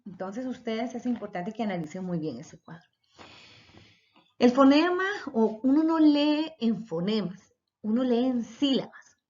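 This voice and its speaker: A woman's voice: fairly high pitch, lively intonation, measured pace, darkish tone. Woman teacher, recorded lecture, patient step-by-step explaining, dull lo-fi sound. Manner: explanatory, spells out letters and sounds.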